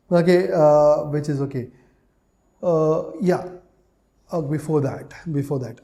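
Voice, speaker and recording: Speaking with an Indian accent, an exam coach gives an explanatory lecture, stressing key phrases through repetition and frequently checking in with listeners. He has a slightly high voice with a dark tone.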